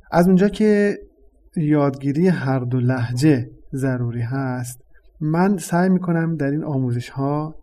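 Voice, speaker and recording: Mellow, darker-toned man hosting a language lesson. He explains step by step in a measured, patient teaching voice at an ordinary pitch.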